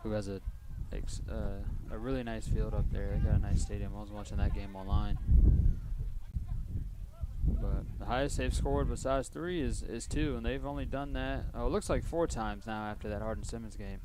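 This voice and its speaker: A man's voice: on the low side, normal speed. A young man doing casual play-by-play commentary on a college soccer game, chatty and rambling with lots of fillers. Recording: noisy livestream commentary audio.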